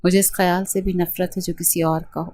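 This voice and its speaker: A woman's voice: fairly low pitch, flat delivery, lightly acted. A woman reading a tender, possessive young husband. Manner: soft, near-whispered intimacy.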